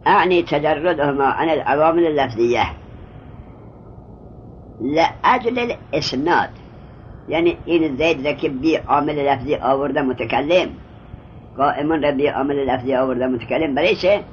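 A man teaching Arabic grammar, reading lines of text slowly and explaining them step by step, often stopping to quiz his student. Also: fairly high pitch. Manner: reads Arabic text slowly, then glosses it. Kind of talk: Arabic grammar lesson in Persian. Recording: dull lo-fi recording, faint background hiss.

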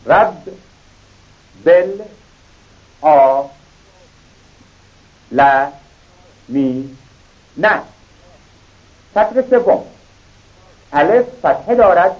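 A man's voice: on the high side, dull audio. A man teaching a reading lesson, patiently spelling out each syllable and repeating it.

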